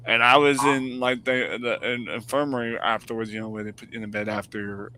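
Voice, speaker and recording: Bright, animated man telling stories. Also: mid-range voice, brisk, a little hiss or hum, poor audio. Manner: animated storyteller, swears freely. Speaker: streamer and podcast host. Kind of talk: casual chat.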